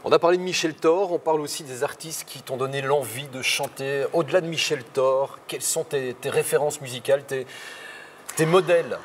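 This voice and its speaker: A man's voice: medium pitch, brisk, slight background noise. A man hosting an interview, asking questions playfully with many hesitations. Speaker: radio show host.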